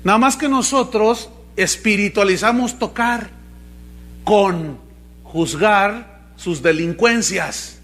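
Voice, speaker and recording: A man's voice: high-pitched, slow, a bit bright. A male pastor preaching to a live congregation, teasing and firing questions at them. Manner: mocking, humorous, asks the congregation questions. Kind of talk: sermon.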